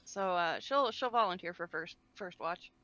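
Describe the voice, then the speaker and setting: Bright chatty woman on a dull lo-fi mic. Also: fairly low pitch, expressive, normal speed, dry recording. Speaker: player. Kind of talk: casual tabletop play.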